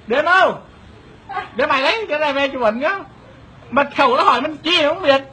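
A man in a hidden-camera prank chat, his voice pitched high and swinging widely. He keeps dissolving into laughter as he repeats himself. Steady background noise runs under the recording. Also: fast. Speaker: prankster asking a neighbor for a wifi password. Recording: noisy background.

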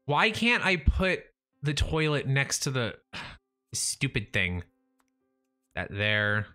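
Faint music sits behind this young livestreamer, whose mid-range voice is very animated, slow-paced, pushed and bright. He's building in a game from a small home room, casually talking to chat and to himself through a studio mic before his face. His sentences restart and trail off, and he says he's losing his voice.

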